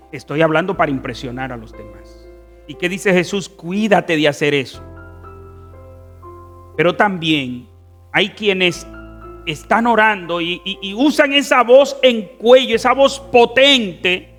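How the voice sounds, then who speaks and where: A man with a Dominican accent preaching a fervent sermon as pastor, swinging between soft, drawn-out phrases and loud emphatic ones. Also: a little high. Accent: Dominican Spanish. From Dominican Republic. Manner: fervent preaching with wide swings in loudness and stretched words.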